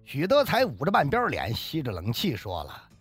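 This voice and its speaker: A man with a husky, slightly raised voice tells a story vividly, his pitch swinging widely from line to line. Soft music sits underneath the narration. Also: huge pitch swings, moderate pace, no echo. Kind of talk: dramatic storytelling.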